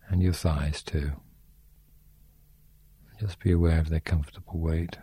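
A man guiding a sleep meditation in a slow, soft, soothing way. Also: a bass voice, slightly rough.

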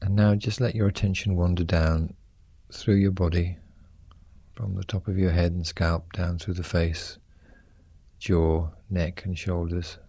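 A man with a low, dark voice guides a relaxation exercise. He gives soothing, gentle instructions in short phrases. The sound is close and very dry. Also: flat delivery, a little slow, husky, dry recording. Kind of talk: guided progressive muscle relaxation.

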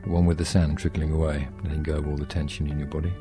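A man guiding a sleep meditation in a slow, soft, soothing way. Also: very deep voice, level tone, over music.

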